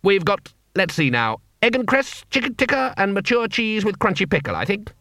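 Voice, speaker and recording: A hearty, bluff male War, as a male narrator puts him on, cheerful and chatty. His voice sits high and bright. It swoops about in a lively way, and the sound is dry and close. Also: normal speed, no echo, exaggerated voice. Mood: jovial.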